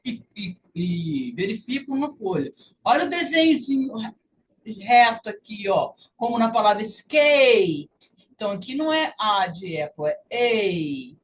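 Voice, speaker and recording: A woman's voice: mid-range voice, big pitch swings, unhurried, recorded from a distance, a little hiss or hum, low-quality recording. A woman with a Brazilian Portuguese accent, teaching a lesson and patiently repeating sounds to demonstrate them. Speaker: language teacher. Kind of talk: online English lesson.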